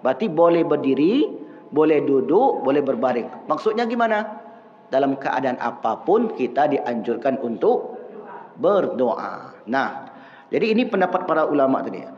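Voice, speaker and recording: A man's voice: mid-range voice, big pitch swings, moderate pace. A man preaching a sermon, acting out dialogues with his congregation and chanting Arabic prayers. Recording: dull lo-fi sound.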